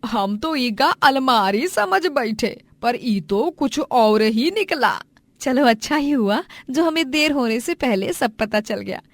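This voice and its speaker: A woman's voice: on the high side, lively intonation, takes it slowly, dry recording, voice pushed up. A woman voicing a simple village wife and mother in a cartoon story, earnest and speaking in rustic dialect. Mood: grateful.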